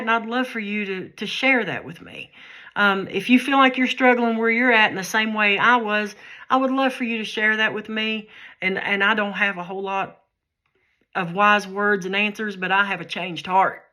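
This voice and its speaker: A woman's voice: mid-range voice, steady tone, normal speed, sharp tone. A woman gives a heartfelt personal faith testimony, earnest and folksy, often repeating and restarting her phrases. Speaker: faith vlogger.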